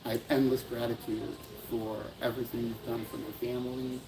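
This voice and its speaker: A man's voice: medium pitch, level tone, a little fast, creaky, music in the background, poor audio. A man livestreaming at an outdoor memorial, talking earnestly to viewers in a rambling way and often apologizing. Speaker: livestream host at a memorial event. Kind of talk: emotional livestream talk.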